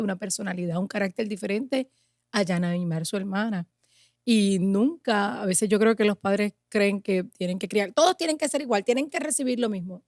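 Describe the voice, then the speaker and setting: A Puerto Rican woman in her forties, a pastor and a mother, answers interview questions earnestly and emphatically, building her lists with a rising rhythm. Her medium-pitched voice is a little mellow. The clean studio recording has no room sound.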